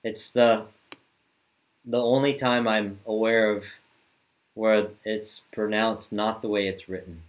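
A man teaching yoga mantra chanting over a video call, drawing out the chants slowly and talking more quickly between them. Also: on the low side, little pitch movement. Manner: slow drawn-out chanting, quicker casual asides.

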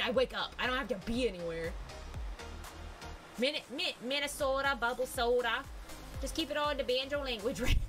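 Live-streaming from a gaming room bathed in colored lights, a woman in her twenties keeps up casual chat in a high-sitting voice, bubbly, excitable and quick to laugh. She speaks into a desk mic with a headset, with background music playing beneath her.

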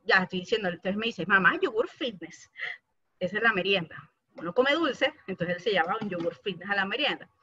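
A talkative woman tells her personal story on a video call, bright and forward in tone. The sound is dry and a little dull. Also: mid-range voice, fast, husky, no echo. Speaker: participant giving a testimony. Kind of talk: casual video-call testimony.

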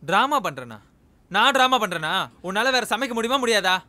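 An actor playing an irritable young husband who scolds loudly and sounds exasperated, in a comic web series. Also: male voice, sits high, very animated, a little fast, no room sound, full character voice. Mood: angry scolding. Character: irritable young husband fed up with repeated meals. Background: loud guitar music.

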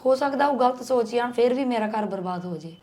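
A woman's voice: fairly high pitch, brisk, darkish tone, natural voice. A young woman playing a frightened newly married bride who pleads tearfully. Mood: pleading. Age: young adult. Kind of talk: acted village drama dialogue.

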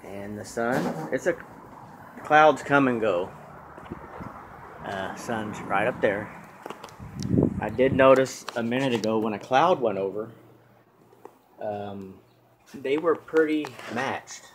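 A solar hobbyist films his own equipment test on a handheld camera, giving a casual, unscripted demo in plain, rambling speech with fillers and restarts. He speaks slowly at a medium pitch, leaving long pauses. The background is noisy.

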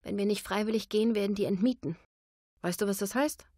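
A woman's voice: medium pitch, quick pace, warm tone, no echo, studio quality, lightly acted. A woman voicing a fiery young bistro owner and single mother who speaks heatedly and indignantly. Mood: dejected.

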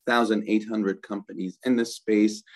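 A middle-aged German man, co-founder in the crypto ecosystem, is a guest on a video-call interview, set indoors against a virtual office backdrop. His voice is fairly low and his delivery flat at a moderate pace, yet he speaks fluently and energetically, often tacking on "right?". The recording is low quality.

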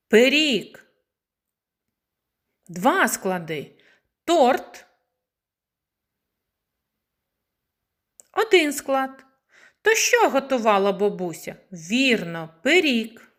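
A woman preschool teacher giving a slow, clearly spoken lesson to young children, stretching words into syllables. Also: sits high, big pitch swings, a bit bright.

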